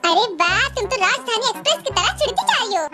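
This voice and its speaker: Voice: extremely high pitch, lively intonation, racing. A performer voicing a cocky young groom who mocks his bride. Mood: teasing. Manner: mocking, teasing. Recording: loud children's music behind voice.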